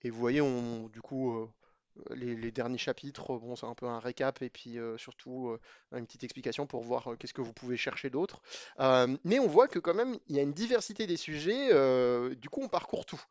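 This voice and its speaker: A man's voice: mid-range voice, normal speed, a little mellow, no echo, muffled recording. A man giving a casual spoken review of programming books to his viewers, chatty and opinionated, hesitating with many fillers and restarts.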